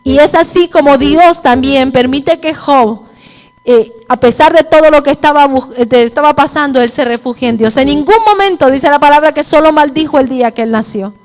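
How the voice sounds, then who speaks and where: A woman's voice: sits high, moderate pace, a little mellow. A woman preaching a sermon at a women's church service, mixing personal testimony with preaching and often asking her listeners if they follow. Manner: repeats "¿me entiende?" to the listeners.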